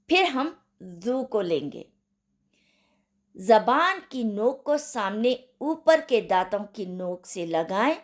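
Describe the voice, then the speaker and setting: A woman teaching Quran recitation in an online lesson, patiently repeating each syllable for practice. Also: fairly high pitch. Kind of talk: slow online tajweed lesson.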